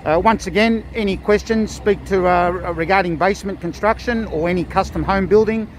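A middle-aged Australian man giving a casual, halting walkthrough of an outdoor building site, filled with ums and uhs. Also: sits high, slight background noise. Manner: plain-spoken, many ums and uhs, halting restarts. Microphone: handheld phone camera.

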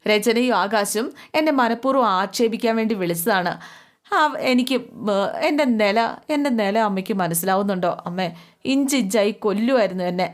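A woman's voice: mid-range voice, moderate pace, close to an everyday voice. A woman doing a heartbroken father. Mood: grieving. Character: heartbroken middle-aged father, tearful, pleading.

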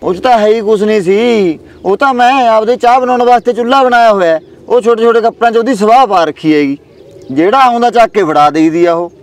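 A sly, fraudulent village holy man, played by a man in a homespun family drama, speaking with a Malwai Punjabi accent. His voice sits fairly high, and he smooths things over in a placating tone. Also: quick pace. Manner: soothing, placating, calls others child.

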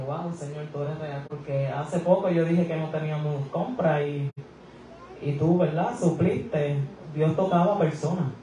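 A woman's voice: low-pitched, mellow, slight background noise. A woman giving a church testimony, earnest and praising God between memories. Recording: echoey, from far off the mic.

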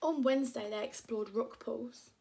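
A young English woman, a primary school teacher, reading a picture book aloud to children with lively voices for the characters. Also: a little high, normal speed, vocal fry, background noise.

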